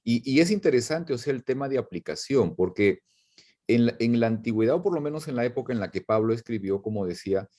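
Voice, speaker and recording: A man co-hosting a Sabbath school lesson discussion, answering thoughtfully and often pausing on "o sea". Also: mid-range voice, expressive, mellow. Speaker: Bible study co-host.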